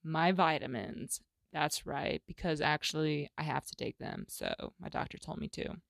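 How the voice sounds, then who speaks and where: Slangy woman, gravelly low voice. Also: moderate pace, no room sound. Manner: candid, slangy, swings from loud to hushed. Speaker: solo podcast host. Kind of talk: casual solo podcast chat. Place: small closet at home.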